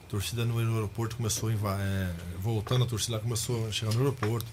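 Middle-aged são guy, rattling off old locker room stories quick, acts out the shouting bits, faint room hiss. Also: on the low side. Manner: animated, acts out shouted quotes, laughs while telling. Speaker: guest, former goalkeeper. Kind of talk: casual storytelling chat. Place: podcast studio.

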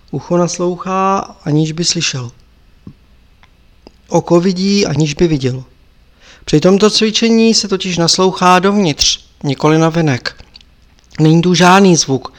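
A man reading an audiobook, voicing an old male lama abbot who admonishes his pupil in a measured, lecturing way. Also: fairly high pitch, lightly acted. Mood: explaining.

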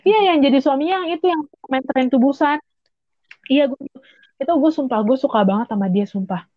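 A woman's voice: sits high, brisk, dry recording. A young woman, chatting casually and rambling with restarts and slang. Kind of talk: casual chat. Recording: tinny phone-like line.

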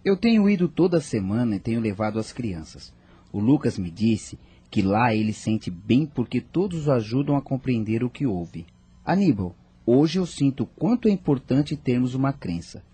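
A man's voice: mid-range voice, very animated, moderate pace, warm tone, slightly rough. An actor in a radio drama playing a grieving father who talks in an earnest, reflective way. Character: grieving widowed father seeking faith.

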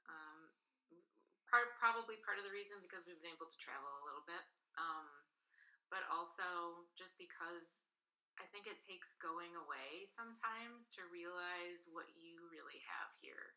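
A woman's voice: fairly low pitch, moderate pace, bright, forceful tone, poor audio. A woman in her late thirties, a guest in a casual interview, talking at length in a chatty, rambling way and laughing easily. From northern Michigan, USA. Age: 30s.

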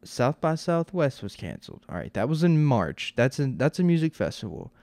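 A man's voice: medium pitch, very animated, normal speed, darkish tone, no echo. A man in his twenties hosting a podcast on his own, talking in a loose, rambling way with lots of "like" and casual swearing. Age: 20s. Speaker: podcast host. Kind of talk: casual solo podcast monologue.

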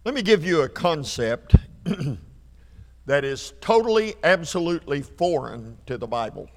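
A man in his seventies preaching a revival sermon, emphatic, repeating key phrases and building to loud climaxes. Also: fairly high pitch, big pitch swings, unhurried. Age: 70s. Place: church sanctuary. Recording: long hall reverb.

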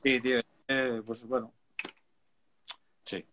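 A man's voice: medium pitch, little pitch movement, slow pace, bright, forceful tone, slight background noise. A man with a Spain Spanish accent, a music producer chatting casually, emphatic and full of slang. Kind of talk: casual chat.

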